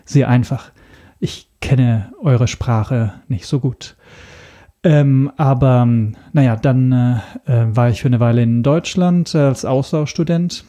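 Slowly and in a mellow medium pitch, an Italian podcast guest works through interview questions in German, his accent clearly Italian. The casual conversation is full of pauses and ums, as he isn't a native speaker.

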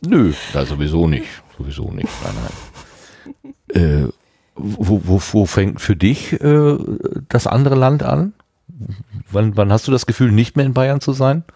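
Man from the Ruhr area, low and lively, rambling casual chat, close and dry. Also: measured pace, dry recording. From Ruhr area, Germany. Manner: rambling, self-deprecating, with many restarts and laughs. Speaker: conversation partner.

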